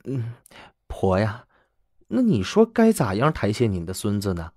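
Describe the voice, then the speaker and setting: A timid, eager-to-please young bride, as a male narrator puts her on. Her voice is soft and humble with a lilting, lively pitch, and she speaks unhurriedly in a dry close recording. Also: measured pace, no room sound, exaggerated voice.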